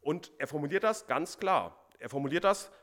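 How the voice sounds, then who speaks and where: Guy giving a sermon, leans hard on key words, repeats them, kinda high voice. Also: animated, normal speed, a bit bright. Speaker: pastor.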